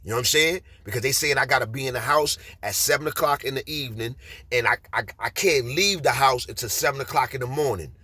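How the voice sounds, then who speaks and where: A man's voice: medium pitch, fast talker, bright, forceful tone, slightly rough, no echo. A man with a Bronx accent telling a street story casually, rambling with slang and frequent fillers. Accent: New York Bronx.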